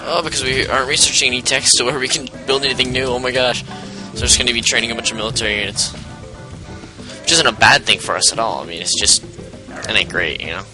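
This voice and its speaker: A man's voice: medium pitch, fast, rough recording. Chatty man explaining a strategy game. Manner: rambling, chatty, explains game mechanics with self-interruptions. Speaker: gameplay commentator. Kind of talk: casual let's play commentary. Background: game music.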